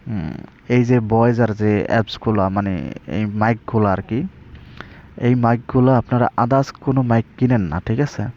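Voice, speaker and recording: A man with a Bangladeshi accent, an online seller and video presenter, gives a casual, colloquial tutorial and sales pitch, often checking in with his listeners. His mid-range voice has a darkish tone, fairly even intonation and a moderate pace. The audio is slightly dull and lo-fi.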